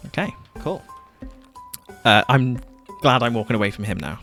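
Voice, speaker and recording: A man's voice: medium pitch, expressive, normal speed, vocal fry, fairly bright tone, soft background music. A man streaming a game, chatting casually, laughing often and reading game text aloud. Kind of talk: casual gaming commentary.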